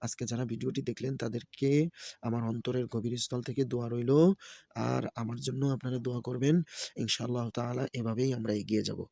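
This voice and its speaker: A man teaching a recorded tajweed lesson, spelling out sounds slowly letter by letter in a patient, repetitive drill. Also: mid-range voice, flat delivery, gravelly, darkish tone, no echo.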